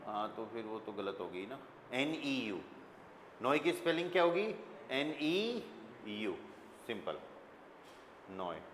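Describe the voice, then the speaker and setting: A man's voice: medium pitch, a bit bright. A man with an Indian accent teaching a class, quizzing his students and spelling words out letter by letter. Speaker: German teacher. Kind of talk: classroom lesson. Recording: echoey classroom with long reverb, faint room noise.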